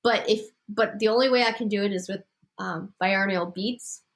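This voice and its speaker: A woman's voice: mid-range voice, fairly even intonation, moderate pace. A woman host with a congested voice giving casual, emphatic writing advice to a group and laughing often. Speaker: podcast host and writing coach.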